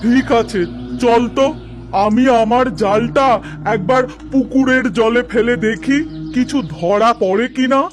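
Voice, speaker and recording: Man acting cartoon fisherman uncle, strikingly high pitch, skeptical, questioning, slightly impatient. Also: steady tone, measured pace. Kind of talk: animated story dialogue.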